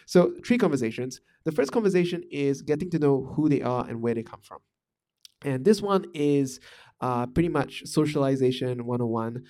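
Expressive and warm, a medium-pitched man from Malaysia talks about management on his podcast at a normal speed. His casual monologue wanders thoughtfully, with many fillers and restarts.

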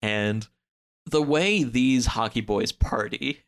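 Smooth and medium-pitched, this man speaks slowly as a podcast guest chatting casually. His story comes out loose and rambling, loosely pieced together and full of "like."

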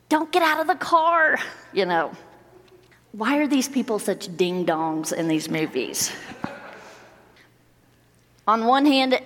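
A young woman preaching a casual, joking sermon as a church youth minister. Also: mid-range voice. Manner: playful, joking asides. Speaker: minister of students and young adults. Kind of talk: conversational sermon. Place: large church sanctuary. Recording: long hall reverb.

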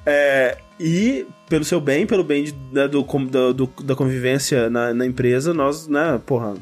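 A man's voice: mid-range voice, measured pace, soft background music. A man co-hosting a casual comedy podcast, joking, laughing often and trailing off mid-sentence. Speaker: podcast co-host.

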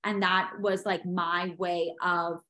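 A woman's voice: on the low side, little pitch movement, slow pace, bright, forceful tone. A young woman guest in a casual interview, upbeat and chatty, filling her sentences with "like". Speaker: guest, fitness studio owner.

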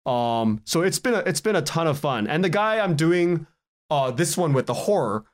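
As a podcast guest, this man from Canada is chatty and animated, telling casual stories in an interview, acting out quoted dialogue and chuckling along. He speaks at normal speed with a slightly high, animated voice.

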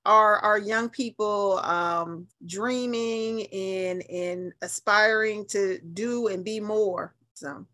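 This middle-aged nonprofit leader from New Haven, in the United States, has a mid-range, steady, pushed and bright voice, speaking slowly with hardly any pauses. As a guest on a radio interview, she tells stories in an animated, chatty, colloquial way with plenty of emphasis.

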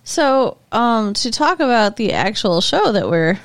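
A woman's voice: on the high side, sing-song, unhurried, no echo. A woman co-hosting a podcast in casual chat, dry and sarcastic, steering the talk back on track. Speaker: podcast co-host.

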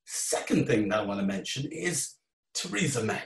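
A man's voice: on the low side, very animated, normal speed. A man giving an informal, earnest talk, conversational and prone to asides and restarts. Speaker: speaker giving a talk on faith and immigration. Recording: roomy sound from a distant mic.

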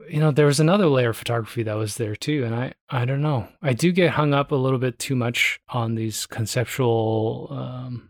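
A man co-hosting a casual podcast, thinking out loud. His talk rambles through restarts and offhand curses. The sound is dry and close with no room around it. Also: medium pitch, no echo. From Canada. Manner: reflective, rambling, swears casually. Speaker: podcast co-host. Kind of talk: casual conversation.

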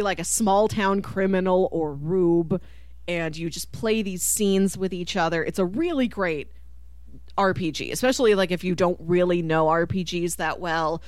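A woman co-hosting a podcast chats casually about film and media in a lowish voice, with no room sound audible. Animated, she often acts out imagined reactions and laughs through her words.

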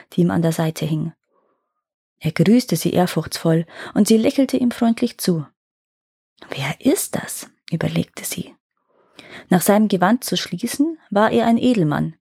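A woman reading a fairy tale aloud in calm, measured narration. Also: medium pitch, dry recording, studio quality. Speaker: storyteller.

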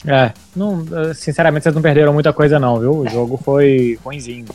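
A man's voice: mid-range voice, steady tone, fast talker, a little mellow, dry recording, soft background music. A man with a Brazilian accent hosting an informal football podcast and telling anecdotes. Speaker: sports podcast host and journalist.

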